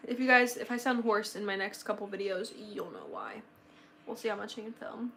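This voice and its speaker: This livestream host is a young woman in her late teens whose voice is a bit worn as she starts losing it, yet she stays bubbly, gushing and rambling with many fillers. She speaks briskly at a medium pitch with big swings, vocal fry, and a bright, forceful tone. Slight background noise is present.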